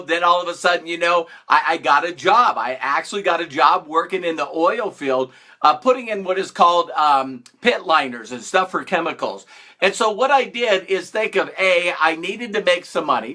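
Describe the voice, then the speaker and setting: A man's voice: a little high, moderate pace, bright, forceful tone. Upbeat man hosting a live stream. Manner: upbeat, greets viewers by name, playful mock-sarcastic emphasis. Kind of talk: casual live-stream talk to viewers.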